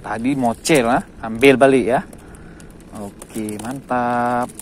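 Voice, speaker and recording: Excitable man commentating his fishing trip. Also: medium pitch, slow pace, slight background noise. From Aceh, Indonesia. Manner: exclaims and repeats short words when a fish bites. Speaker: fishing vlogger. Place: outdoors by the water.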